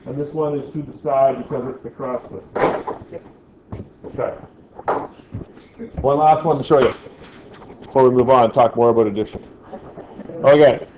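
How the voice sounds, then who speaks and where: A man's voice: mid-range voice, steady tone, normal speed, pauses often, background noise. A male teacher giving a classroom lecture, joking with the class and often checking in with "right?". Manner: jokey, keeps checking in with "right?". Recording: echoey, dull lo-fi classroom recording.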